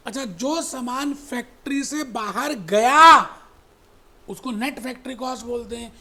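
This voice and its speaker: A man teaching an accounting lecture, who explains through animated storytelling, repeats his points and addresses students fondly as "beta". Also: very high-pitched. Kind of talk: recorded classroom lecture.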